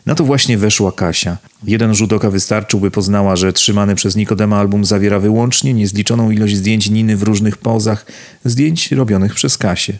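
Low-voiced male audiobook narrator. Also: fairly even intonation, fairly quick. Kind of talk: scripted narration.

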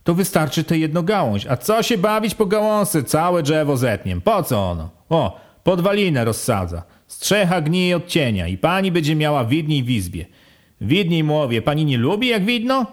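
A man reading a first-person rural story aloud in an expressive way, raising his voice sharply for the quoted speech. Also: a little high, normal speed. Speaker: reader.

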